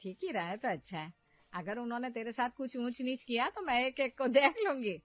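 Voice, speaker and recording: A meddling mother barks orders and stirs up family trouble, as a woman puts her on. Her voice sits fairly high and loud. The recording is dry and slightly dull. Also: fairly quick, no room sound, faint music behind, natural voice. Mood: sweetly scheming. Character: scheming meddling middle-aged mother, bossy.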